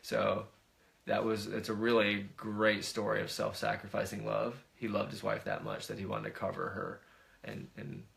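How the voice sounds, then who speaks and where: A man co-hosting a family talk show, telling a family story in a relaxed, chatty way. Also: fairly low pitch, normal speed, gravelly. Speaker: co-host. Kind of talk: casual storytelling chat.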